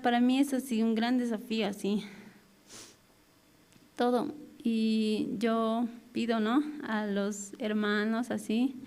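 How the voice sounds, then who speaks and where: A woman giving a personal testimony at a prayer service, speaking hesitantly and haltingly with many repeated fillers. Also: medium pitch, clean tone. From Bolivia. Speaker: church member giving testimony.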